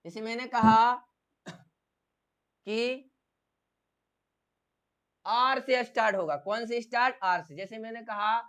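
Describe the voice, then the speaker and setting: Clear-voiced teacher drilling a class. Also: male voice, extremely high pitch, fairly even intonation, slow pace, pauses often, a bit bright. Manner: drills by asking and repeating questions. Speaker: English teacher. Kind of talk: classroom grammar lesson.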